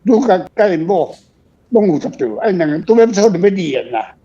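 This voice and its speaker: An older author with a Taiwanese accent, guesting on radio, gives casual, reflective book talk that rambles and is frank and self-deprecating. His dark-toned voice sits high and is very animated and brisk; the recording is lo-fi and dull.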